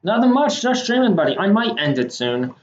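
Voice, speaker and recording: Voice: medium pitch, very animated, fairly quick. A streamer chatting casually while role-playing in a game, talking in a rambling, hesitant way with plenty of fillers. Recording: roomy, dull sound with soft music underneath. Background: game soundtrack music.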